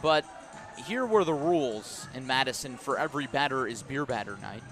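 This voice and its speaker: Faint music sits behind a man with a mid-range, fairly bright voice and lively intonation, talking at a moderate pace. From an outdoor ballpark, he calls a baseball game live on radio, trading clipped calls for casual asides.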